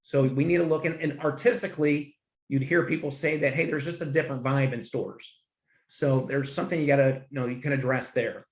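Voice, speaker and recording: On a business podcast, a male finance consultant appearing as guest talks enthusiastically in a mid-range, fairly even voice at a slightly quick pace, rambling and restarting his sentences. The recording has a roomy echo.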